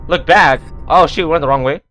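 A scared, excitable young man playing a horror game, chatting casually with friends as he streams. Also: on the high side, fairly quick, over music. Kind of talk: casual live gaming commentary with friends. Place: small indoor room.

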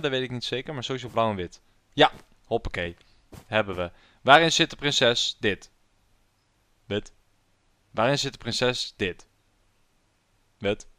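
A man's voice: fairly low pitch, a bit bright, no room sound. A young man giving jokey, self-mocking commentary while playing a video game. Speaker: gaming YouTuber. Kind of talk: casual let's-play commentary.

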